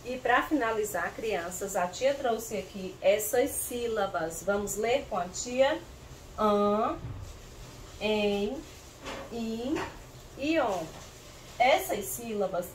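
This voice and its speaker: A woman teacher from northeastern Brazil leading a slow, patient reading lesson for young children, sounding out syllables clearly and calling on pupils by name. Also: mid-range voice. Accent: Brazilian Portuguese, northeastern. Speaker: primary school teacher. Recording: roomy, distant mic with faint noise.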